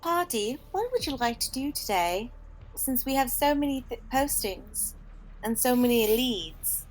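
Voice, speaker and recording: High-voiced woman in a tabletop game. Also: big pitch swings, unhurried, slight background noise, rough recording. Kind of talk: casual in-character planning.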